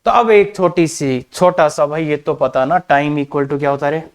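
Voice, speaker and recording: A man's voice: a little high, normal speed, clean tone. A man teaching a maths class, chatty, mixing English terms into his talk and calling the students kids. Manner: addresses students as kids, asks rhetorical questions. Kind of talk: classroom lecture on coordinate geometry.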